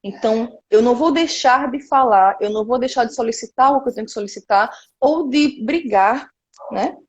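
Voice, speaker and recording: A Brazilian woman in her thirties with a Northeastern accent and a somewhat high voice. She speaks openly and with energy, keeps checking in with the listener, and tells her working life the way people talk in a relaxed interview. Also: normal speed, dull audio. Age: 30s. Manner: lively and frank, frequent "né" tags. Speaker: cultural producer, guest. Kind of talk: casual interview storytelling.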